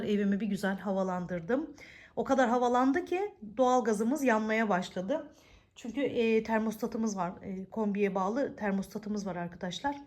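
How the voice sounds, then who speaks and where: Chatty woman with a stuffy cold. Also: a little high. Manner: chatty, warm greetings and religious blessings. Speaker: vlogger. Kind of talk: casual home vlog chat. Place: at home, indoors.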